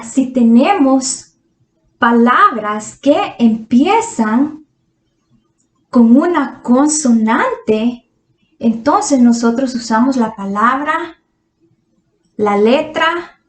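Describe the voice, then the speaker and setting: A woman teaching English grammar to Spanish speakers, patient and drawn-out, asking her students quiz questions. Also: sits high, expressive. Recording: echoey room.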